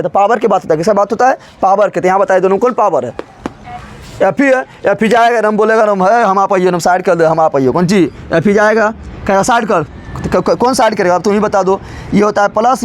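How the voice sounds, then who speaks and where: Guy teaching chemistry, high voice, keeps asking the class stuff and acting out elements. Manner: animated, asks students constant questions, acts out elements as characters.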